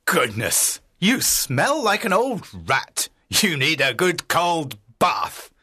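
A man voicing a big, fat, jolly friar who is blunt and teasing, with a bold, booming delivery in a storybook reading. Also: huge pitch swings, takes it slowly, bright, forceful tone, breathy edge, exaggerated voice.

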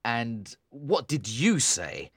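A cold, scornful young man, read by a woman putting on a low voice in a storybook recording. He talks with a hard, commanding edge and swings widely in pitch. The sound is dry and close. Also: very animated, moderate pace, a bit bright, dry recording, exaggerated voice. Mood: stern. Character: stern young man, cold and harsh brother.

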